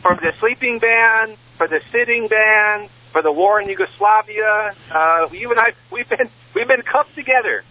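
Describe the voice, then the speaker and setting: A man with a high, husky voice comes through a phone line from a moving car. His speech is slow, polite and a little hesitant. The sound is dull and muffled. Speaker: caller. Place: driving car.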